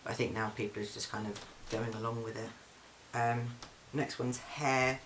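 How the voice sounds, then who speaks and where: A young English vlogger speaks in a fairly monotone, mid-pitched voice while recording a casual video diary indoors in his flat. His chatty delivery is halting, peppered with ums and restarts. A faint hiss can be heard beneath him.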